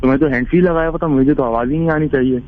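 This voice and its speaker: A man's voice: fairly high pitch, steady tone, racing, dry recording. A man calling in to tell a ghost story in a rambling, casual way, with many restarts. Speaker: caller. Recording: tinny phone line.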